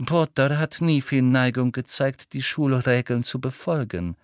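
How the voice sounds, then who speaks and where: A man voicing a cold, sneering male teacher who speaks in a smooth, sardonic drawl. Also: mid-range voice, unhurried, no echo, studio quality, lightly acted.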